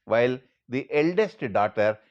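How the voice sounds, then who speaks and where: Indian-accented male, earnest direct address, measured delivery; mid-range pitch, slightly dull lo-fi audio. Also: lively intonation. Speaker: monologue speaker. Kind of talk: scripted monologue addressed to a politician.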